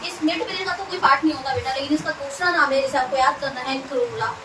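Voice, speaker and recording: A high-pitched woman teaches a classroom lesson, asking questions and drawing terms out slowly for students to repeat. She is heard from a distance in an echoey room with noticeable background noise. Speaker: science tutor. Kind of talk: classroom lesson with call-and-response drilling.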